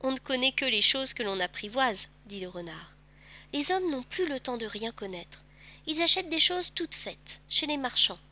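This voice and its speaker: A woman voicing a gentle, wistful male fox who speaks patiently and tenderly in a storybook reading. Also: high-pitched, expressive, moderate pace.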